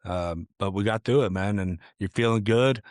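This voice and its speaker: A man's voice: lowish voice, normal speed, dry recording, studio quality. A man hosting a casual interview podcast, laid-back and full of fillers like "you know" and "man.". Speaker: podcast host and coach.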